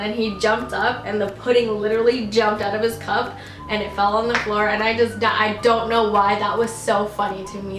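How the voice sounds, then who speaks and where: Chatty and giggly, this young woman answers viewers' questions with lots of "like"s and restarts in a casual chat. Born in the Philippines and raised in Canada, she sounds a little high and a bit bright on a rough recording in an echoey room.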